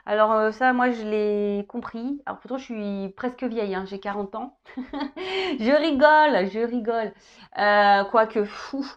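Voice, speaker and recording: In a muffled recording, a thirtysomething woman offers a laid-back tarot guidance reading at a measured pace. Her voice is a little high, and she keeps things chatty and jokey, ending phrases with "hein."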